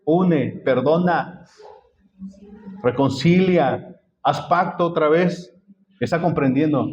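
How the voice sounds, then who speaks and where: Male pastor, slightly high-pitched, quizzing his flock in a sermon over a dull, lo-fi recording. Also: slow pace, a little mellow, slight background noise. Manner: quizzes the congregation with repeated questions.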